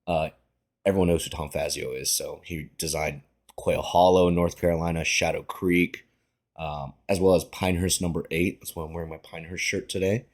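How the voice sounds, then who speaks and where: A young man hosting a casual podcast, talking in a relaxed way with frequent ums and pauses. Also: deep voice. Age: young adult. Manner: relaxed, slightly halting with many ums. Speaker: podcast host.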